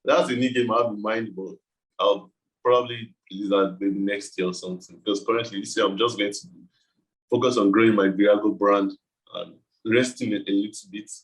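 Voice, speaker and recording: A man's voice: fairly low pitch, steady tone, fairly quick, rough recording. A man with a West African accent talking casually as an interview guest, explaining things in a loose, informal way. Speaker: game developer being interviewed.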